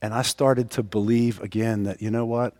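A middle-aged man, a pastor, gives an earnest personal testimony in a sermon, his voice hoarse and strained from a cold. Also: fairly low pitch, level tone, moderate pace, a little mellow. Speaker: pastor and jail chaplain preaching. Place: church, speaking to congregation. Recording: reverberant hall sound.

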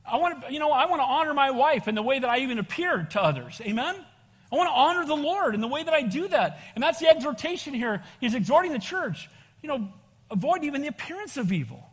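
His extremely high, sing-song voice moves fast and sounds fairly bright as this older American pastor works through an expository Bible sermon. Conversational asides and calls for amens punctuate his exhortations to the congregation, all carried on the long echo of a large church hall.

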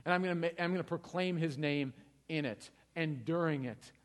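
Man, pastor, casual preaching voice, slightly high pitch, church hall echo. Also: brisk. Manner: conversational, tag questions like "right?". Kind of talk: sermon.

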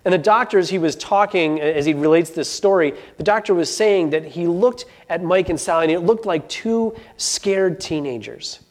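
Earnest man telling a story, higher voice. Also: moderate pace, few pauses. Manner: earnest, frequent restarts and repeated words. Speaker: speaker. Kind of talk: storytelling talk.

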